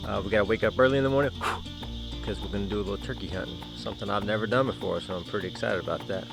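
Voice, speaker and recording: A man's voice: on the low side, very fast, creaky, music in the background, low-quality recording. A man, casually hosting an outdoor vlog at a campsite, chatting to the camera and friends. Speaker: vlog host.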